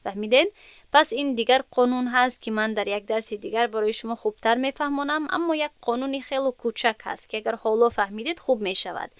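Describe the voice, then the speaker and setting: A woman's voice: on the high side, clear, resonant tone, no room sound. A woman with a Tajik-influenced Persian accent teaching an Arabic grammar lesson, explaining step by step and checking whether her students understood.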